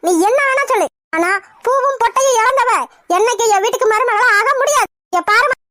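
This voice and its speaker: A woman's voice: very high voice, a little fast, sharp tone, no echo. A woman voicing a domineering, scornful older village mother in a cartoon, talking harshly and contemptuously. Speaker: hero's mother. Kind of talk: cartoon voice acting.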